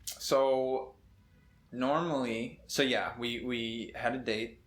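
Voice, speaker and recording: A man's voice: medium pitch, steady tone, slow, slight background noise. A young man from Minnesota recounts a story at an easy, rambling pace, full of "like" and "you know." His voice sits in an ordinary middle register. The room around him is echoey. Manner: laid-back, rambling with many fillers and laughs. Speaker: medical student, podcast co-host. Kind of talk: casual storytelling chat.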